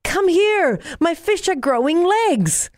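A woman voicing an excitable six-year-old boy in a storybook, yelling eagerly. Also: extremely high pitch, takes it slowly, no echo, studio quality, pitched above the performer's own voice, full character voice. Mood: excited.

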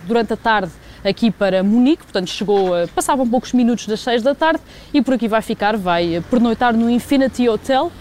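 A woman with a European Portuguese accent giving a semi-spontaneous live report as a sports correspondent, often pausing mid-phrase. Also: mid-range voice, a little mellow, slight background noise. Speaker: sports journalist, special correspondent.

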